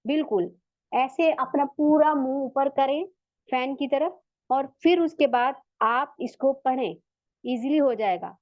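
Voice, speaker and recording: Female recitation teacher, Urdu accent, high and slow, patient drilling; dry, slightly muffled audio. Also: dry recording. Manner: patient, repeats sounds for practice. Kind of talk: slow step-by-step lesson.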